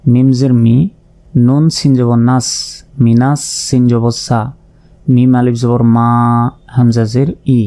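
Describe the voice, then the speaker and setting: Slow, patient male Quran teacher. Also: medium pitch, flat delivery, warm tone. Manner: slow, patient, methodical explanation. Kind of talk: spelling out Quranic Arabic letter by letter.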